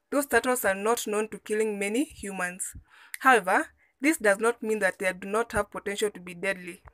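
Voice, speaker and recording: Woman doing scripted nature documentary voiceover, medium pitch, really dry close sound. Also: fairly bright tone, no room sound. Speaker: video narrator.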